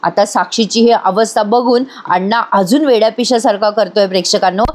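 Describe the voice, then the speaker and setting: A woman's voice: mid-range voice, a little fast, a little mellow. A woman narrating a voice-over episode recap, chatting directly to viewers. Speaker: episode reviewer.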